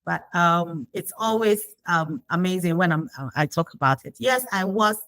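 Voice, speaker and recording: A woman's voice: on the low side, lively intonation, normal speed, a bit bright, dry recording, poor audio. A woman from Ghana being interviewed, talking reflectively with frequent fillers and restarts. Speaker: guest. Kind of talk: conversational interview.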